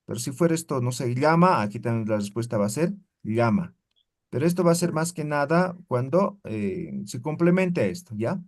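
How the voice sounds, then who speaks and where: A man's voice: mid-range voice, big pitch swings, normal speed. A man teaching a language class, explaining step by step and checking in with his students again and again. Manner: explains patiently, keeps checking with "¿no ve?".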